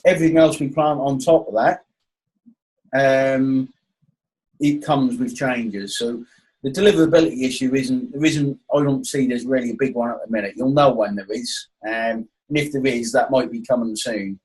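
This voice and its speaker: A man's voice: medium pitch, steady tone, moderate pace, a little mellow, poor audio. A man with a Norfolk, East Anglian accent hosting an informal online coaching session in a matey way. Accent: Norfolk, East Anglian English. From Norfolk, England. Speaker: webinar host and coach. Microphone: online webinar call.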